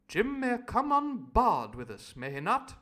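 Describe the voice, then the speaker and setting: A man voicing a prim gentleman doctor who speaks slowly and fussily in a posh English accent. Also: high-pitched, wildly swooping pitch, pitched above the performer's own voice, full character voice. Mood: polite. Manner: slow and fussy, drawn out.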